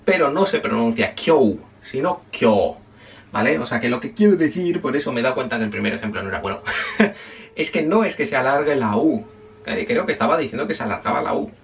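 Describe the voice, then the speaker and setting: A man's voice: mid-range voice, animated, fairly quick, vocal fry, far from the mic, muffled recording. A man teaching a casual spoken language lesson, chatty and self-correcting, often checking in with his listeners.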